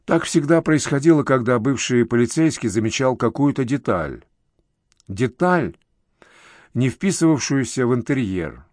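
A man narrating an audiobook in a measured, expressive reading. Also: mid-range voice, no echo, clean studio sound.

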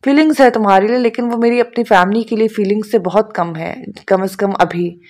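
A woman reading the lines of a serious young woman who speaks softly and gently but firmly. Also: medium pitch, close to an everyday voice. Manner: serious, soft-spoken.

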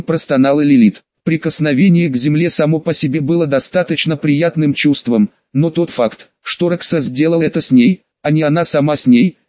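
Man reading an audiobook, slightly high. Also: darkish tone, no room sound, highs cut off. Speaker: audiobook narrator. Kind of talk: scripted narration.

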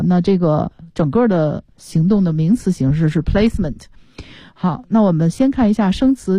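A woman's voice: medium pitch, dark tone, no echo. Patient woman teaching English on radio. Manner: patient, explains pronunciation step by step.

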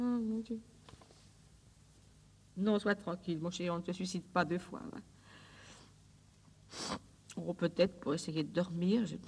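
A woman's voice: mid-range voice, in a large hall. An actress playing a desperate, fragile woman who pleads on the telephone with the lover who is leaving her, in a 1950s recorded drama monologue. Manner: intimate, pleading, emotionally fragile.

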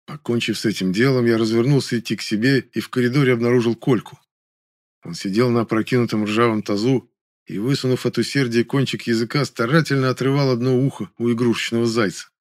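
Man calmly narrating an audiobook. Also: medium pitch, fast talker, no room sound, studio quality. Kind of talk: first-person audiobook narration.

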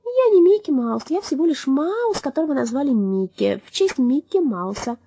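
A woman voicing a gentle, earnest green mouse in a storybook, speaking in an explanatory way. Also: sits high, very animated, moderate pace, no room sound, pitched above the performer's own voice.

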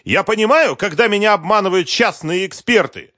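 A man voicing an enraged middle-aged businessman who yells accusations at an investigator. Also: sits high, normal speed, no room sound, clean studio sound, pitched above the performer's own voice. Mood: furious shouting. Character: furious middle-aged male businessman, shouting, bullying.

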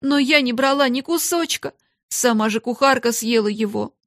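A woman's voice: normal speed, fairly bright tone, no echo, studio quality. A woman voicing a poor, hungry young servant girl who pleads through tears in a storybook reading. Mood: tearful pleading. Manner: tearful, pleading, high.

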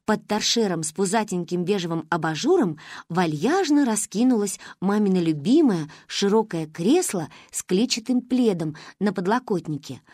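A woman narrating an audiobook in a lively, expressive storytelling manner. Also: medium pitch, no room sound, studio quality.

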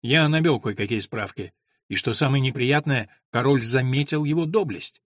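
A scheming noblewoman mother lays out her plans in a firm, instructive tone, as a male reader puts her on. The delivery sits at a middle pitch. The sound is dry and close. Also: moderate pace, a bit bright, no echo, lightly acted.

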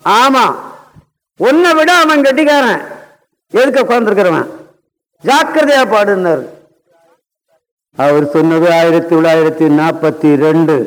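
A man in his seventies giving a music lecture-demonstration, telling stories and constantly putting rhetorical questions to his audience. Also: a little high. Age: 70s. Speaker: Carnatic singer and lecturer. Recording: long hall reverb.

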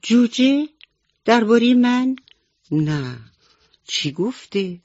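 A woman voicing a young rabbit who is quick to take offense, with a high, indignant voice in a children's radio story. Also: animated, darkish tone, slightly rough, no echo. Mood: shocked. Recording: dull dry old radio recording.

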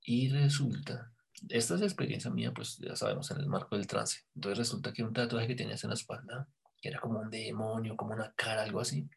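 Man, low husky gravelly voice, casual storyteller who goes hushed at the tense parts. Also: fast talker. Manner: animated storyteller, drops to hushed voice when quoting himself. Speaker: guest recounting an experience.

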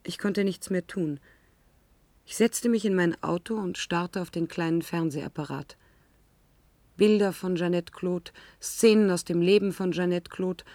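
This actress, playing a lonely young woman in anguish, recounts her ordeal for a German sci-fi radio play, deliberate and dramatic yet only lightly acted. Her pitch is fairly low and slightly mellow, captured in a dry recording.

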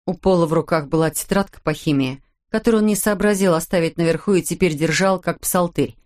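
A woman reading an audiobook in a measured, dramatic narration. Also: fairly low pitch, a little mellow. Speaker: audiobook reader. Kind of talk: scripted narration.

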